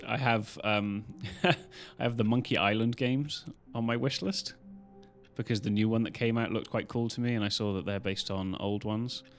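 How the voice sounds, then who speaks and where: A man's voice: on the low side, vocal fry. A British man chatting casually as a live streamer, in a loose, rambling way with some casual swearing. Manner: rambling, loosely strung-together talk.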